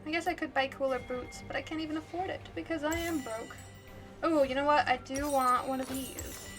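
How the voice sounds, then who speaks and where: A woman's voice: high voice, steady tone, fairly quick, fairly bright tone, faint music behind. A woman livestreamer giving chatty, giggly gaming commentary, laughing often.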